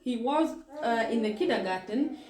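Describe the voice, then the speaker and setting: A woman with a Kenyan Kikuyu accent speaks in a fairly high voice, recorded in a very echoey room. She tells her own stories in a conversational way, correcting herself as she goes and slipping in words from other languages. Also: moderate pace. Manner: animated self-correcting, slips in Swahili and German words. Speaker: interview guest. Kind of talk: conversational personal storytelling.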